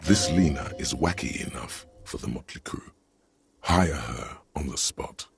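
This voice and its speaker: A very deep, gravelly game narrator. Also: male voice, a little slow, heavily acted. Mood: wry. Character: gravelly, wry, deep-voiced male narrator inner voice. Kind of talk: scripted narration.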